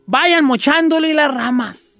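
A storyteller voicing a father who gives short, brisk orders to his children. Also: sits high, a bit bright, no echo, voice pushed up. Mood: commanding. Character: father with an axe, brisk and commanding.

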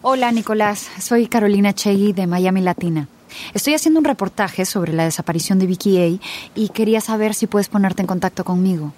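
A woman's voice: medium pitch, a little fast, darkish tone, close to an everyday voice. An actress playing a persistent woman journalist, leaving a polite voicemail message and asking to be called back. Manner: polite, slightly awkward phone message. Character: young woman journalist chasing a story, persistent. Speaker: reporter.

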